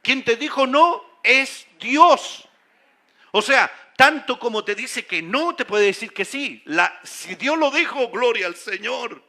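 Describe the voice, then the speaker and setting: In a church sanctuary, a male pastor preaches an emphatic sermon in a high, piercing register with a very bright, edged tone. He speaks expressively and slowly, repeatedly turning to the congregation with rhetorical questions.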